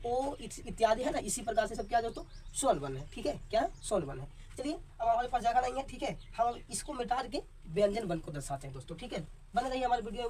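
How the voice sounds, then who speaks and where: A male teacher gives a class lesson at a board, quizzing his viewers and checking "okay?" after almost every line. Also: very high voice. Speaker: Hindi teacher. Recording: voice a bit far from the mic, faint background noise.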